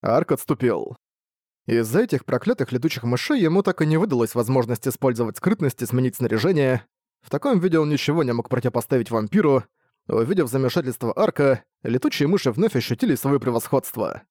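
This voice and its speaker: A man narrating a fantasy audiobook with expressive storytelling. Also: medium pitch, fast, dry recording, clean studio sound.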